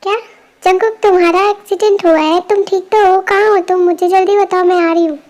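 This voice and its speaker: A woman's voice: very high voice, fairly even intonation, fairly quick, darkish tone. A woman voicing a worried, affectionate middle-aged mother in an amateur fan dub, with an anxious, motherly manner.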